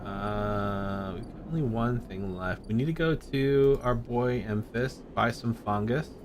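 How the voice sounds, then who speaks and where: A man streaming a game, relaxed and chatty, reading its narration aloud. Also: fairly low pitch, a little slow, noisy background.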